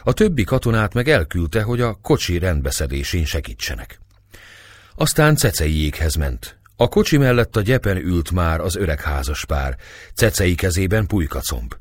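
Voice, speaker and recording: A man reading a historical novel aloud in steady storytelling narration. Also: deep voice, no room sound. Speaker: audiobook reader.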